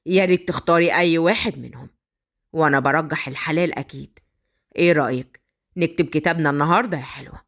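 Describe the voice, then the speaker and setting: Woman doing a low, taunting mafia boss. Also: fast. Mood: menacing. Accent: Egyptian Arabic. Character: ruthless male mafia boss, menacing and mocking.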